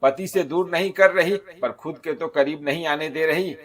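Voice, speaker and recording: An earnest young married woman, voiced by a man counsels her friend in a persuading, gently scolding tone. The voice is lifted well above the narrator's normal pitch and a touch louder. She belongs to a spoken storybook. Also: normal speed, lightly acted. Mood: advising. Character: young married woman, caring, advises like an elder sister.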